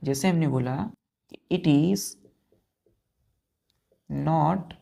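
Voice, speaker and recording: A woman teacher with an Indian accent takes students slowly through English words. She spells each one out letter by letter and keeps asking if it is clear. Her voice is low, dark and gravelly. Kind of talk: classroom vocabulary lesson.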